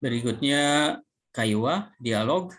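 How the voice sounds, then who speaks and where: A man teaching a recorded language lesson, explaining slowly step by step, reading each phrase and then translating it. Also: mid-range voice, lively intonation, a bit bright.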